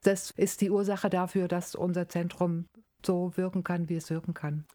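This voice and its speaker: A middle-aged woman from Berlin, a professor, explaining her field in a measured academic interview. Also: fairly low pitch, level tone, mellow, no echo. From East Berlin, Germany.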